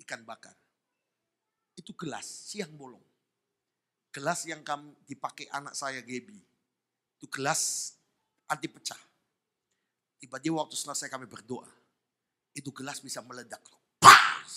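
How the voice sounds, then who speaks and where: A man preaching a fervent sermon at a church service, jumping between shouted praise and hushed asides. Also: medium pitch. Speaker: pastor.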